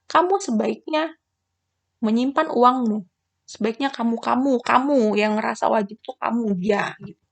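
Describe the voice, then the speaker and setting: A young woman giving a casual English lesson, chatty and lively, asking rhetorical questions and acting out her students' replies. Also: fairly high pitch, moderate pace, creaky. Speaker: English teacher.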